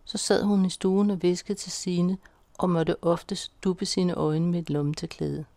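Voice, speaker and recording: A woman reading a novel aloud at a steady, measured pace. Her voice is lowish and gravelly, recorded close and dry. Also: dry recording. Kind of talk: audiobook narration.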